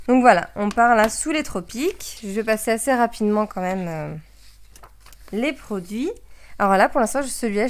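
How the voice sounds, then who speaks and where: A woman's voice: medium pitch, smooth. Chatty woman presenting craft products. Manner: hesitant, many filler sounds and restarts; chatty and friendly, addressing viewers directly.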